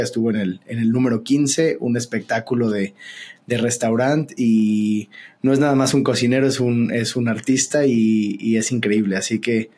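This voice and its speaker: Husky-voiced male podcast host. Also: medium pitch, darkish tone. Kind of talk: casual podcast conversation.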